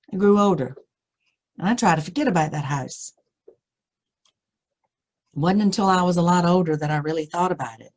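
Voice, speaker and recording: Reading a frightening tale told in the first person, this middle-aged American woman uses a low-pitched, husky voice, delivering it expressively with suspenseful pauses.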